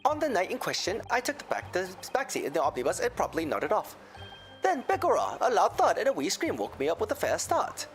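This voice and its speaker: A man's voice: sits high, huge pitch swings, brisk, faint music behind, pitched above the performer's own voice. A man voicing a folksy, genial Irish moneylender in a courtroom game, with an Irish accent and a theatrical lilt. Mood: dramatic storytelling. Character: folksy, smooth-talking Irish moneylender, genial male witness. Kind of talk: voiced reading of game dialogue.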